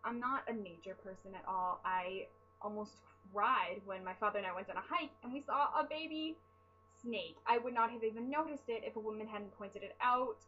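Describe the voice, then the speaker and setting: A woman's voice: medium pitch, normal speed, bright, forceful tone, muffled recording. A young woman chatting casually to camera while answering fan questions, rambling and self-deprecating, tired from lack of sleep. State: sleep-deprived. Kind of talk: casual chat.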